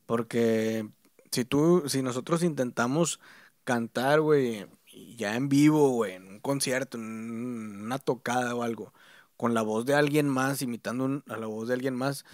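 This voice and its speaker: A man's voice: mid-range voice, no room sound. Young Mexican male co-host, loose slangy delivery, dry room. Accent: Mexican Spanish. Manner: relaxed slangy talk, drawn-out pauses. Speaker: podcast co-host. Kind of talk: casual chat.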